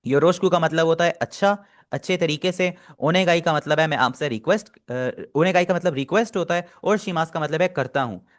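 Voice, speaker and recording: A man teaching Japanese in a live online class, patiently explaining and answering students' questions as he goes. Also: a little high. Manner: explains patiently, drills pronunciation slowly syllable by syllable.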